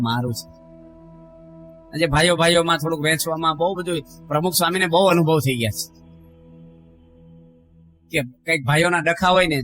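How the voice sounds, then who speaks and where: Bright-voiced monk preaching a sermon. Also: male voice, fairly high pitch. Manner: storytelling, acting out quotes, rises and drops in voice. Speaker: monk giving a religious discourse. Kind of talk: sermon with anecdotes.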